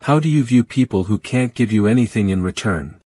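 A man voicing a composed, authoritative older woman, speaking gently but firmly in a low, husky voice. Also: fairly quick, dry recording, studio quality. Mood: calm firm. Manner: gentle but firm, even.

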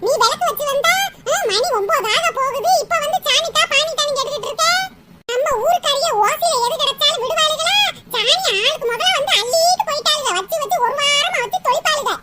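A woman doing a snappy squeaky village woman. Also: animated, a little fast, loud music behind the voice. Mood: scolding. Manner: snappy, scolding. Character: irritable busy older village woman milking a cow. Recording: loud background noise.

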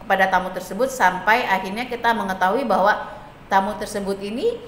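A woman's voice: medium pitch, fairly quick, fairly bright tone. A woman teaching a hospitality lesson, explaining step by step with frequent hesitation fillers and acting out sample phone greetings. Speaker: hospitality instructor. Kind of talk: classroom lecture. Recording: echoey room with faint noise.

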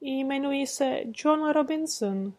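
A woman playing a frightened small man, trembling and pleading, high-pitched voice, audiobook. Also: a little mellow, natural voice. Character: timid, frightened little rat-faced man.

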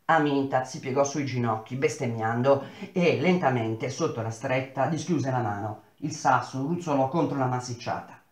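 A man reading a novel aloud in a measured, expressive storytelling manner. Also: mid-range voice, roomy sound. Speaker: reader of a novel.

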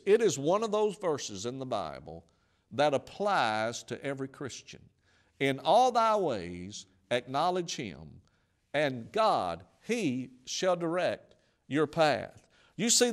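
Emphatic male radio preacher. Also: on the high side. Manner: emphatic, repetitive lists, building to forceful climaxes. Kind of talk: broadcast sermon.

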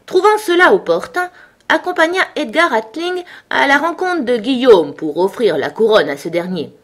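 Pompous fussy mouse, lecturing, pitched high, read by a woman. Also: animated, moderate pace. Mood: brisk. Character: fussy self-important female mouse.

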